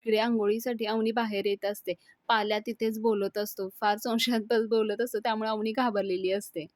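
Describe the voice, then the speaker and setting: A woman recapping a TV serial episode, telling the story briskly and reading the characters' lines plainly. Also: medium pitch, little pitch movement, darkish tone, no room sound, studio quality. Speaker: TV serial reviewer.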